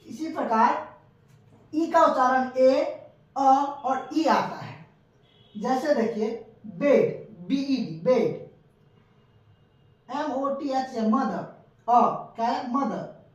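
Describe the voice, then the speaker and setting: A woman with a high voice gives a pronunciation lesson at an unhurried pace. She keeps asking and answering her own questions as she goes. She is recorded from a distance in a very echoey room. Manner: slow, repetitive teaching with rhetorical questions. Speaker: teacher.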